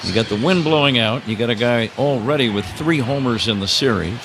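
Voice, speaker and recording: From a stadium broadcast booth, with ballpark noise clearly audible in the background, an older man with a mid-range voice gives brisk live radio play-by-play of a baseball game, stopping at times for casual banter.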